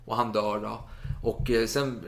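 A man casually retelling a historical story in a podcast chat, with lively retold quotes. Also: fairly low pitch, vocal fry, a little hiss or hum. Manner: animated retelling with acted quotes and laughs.

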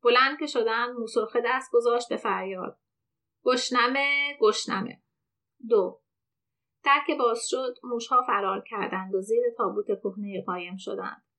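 A woman reads a short story aloud for her podcast. She keeps a steady, measured pace. Her voice sits somewhat high. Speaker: podcast host and reader.

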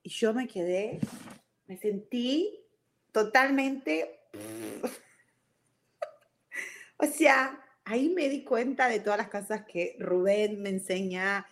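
A woman's voice: mid-range voice, slow. A middle-aged woman with a Rioplatense Spanish accent, a mother giving casual parenting advice, who tells her story with animation, drops in English words and keeps asking "ok?".

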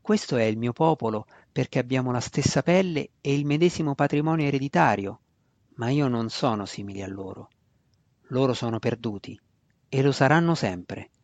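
A man voicing a young male dark elf warrior, defiant and grave, speaking low, slow and with calm menace. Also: dry recording, lightly acted. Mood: quiet.

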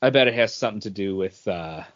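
Speaking quickly in a fairly low voice, a man co-hosts a podcast and chats casually about a comic book. His review rambles, with phrases repeated as he thinks aloud. The recording is lo-fi and dull.

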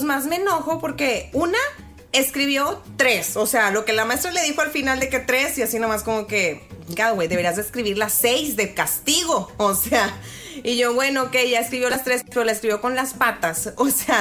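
A woman in her thirties with a Mexican accent, chatting casually as podcast co-host and telling an animated story, swearing freely and acting out quotes. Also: on the high side, moderate pace, soft background music. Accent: Mexican Spanish.

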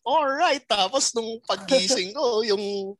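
A woman's voice: fairly high pitch, slow pace. A woman co-hosting a casual podcast, joking with crude humor. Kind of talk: casual banter among friends.

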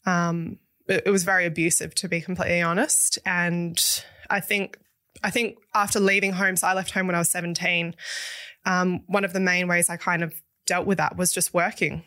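A woman's voice: lowish voice, level tone, moderate pace, sharp tone, no room sound, clean studio sound. A young woman from Western Australia, a business founder speaking frankly and reflectively as an interview guest. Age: young adult. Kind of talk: candid interview talk.

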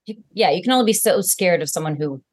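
A woman's voice: fairly low pitch, animated, fast, a little mellow. A woman guest on a film podcast, chatting with enthusiasm and laughing easily. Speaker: guest history professor. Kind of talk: casual chat.

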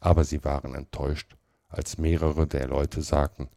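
A man reading a classic novel aloud in a measured, expressive storytelling manner. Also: rumbling low, no room sound, clean studio sound. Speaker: storybook reader.

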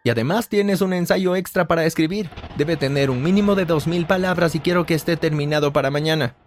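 A man's voice: on the high side, fairly quick, slight background noise, voice pushed up, close to an everyday voice. A man voicing a strict, demanding female schoolteacher who scolds a pupil. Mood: scolding. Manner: stern and scolding.

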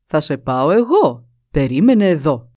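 Woman voicing a stubborn young hero, eager and loud; lively pitch, dry. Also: dry recording. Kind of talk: storytelling.

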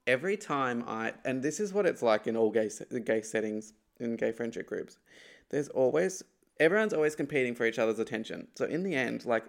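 A man's voice: medium pitch, vocal fry. A young man with a lisp, hosting a casual solo podcast and telling a gossipy story with laughing asides. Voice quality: lispy. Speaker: podcast host.

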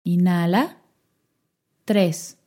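A woman guides a meditation in an unhurried, soft-spoken voice, leaving long pauses between each cue. Her tone is mellow and relaxed, never bright. She speaks at a very slow pace. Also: on the low side.

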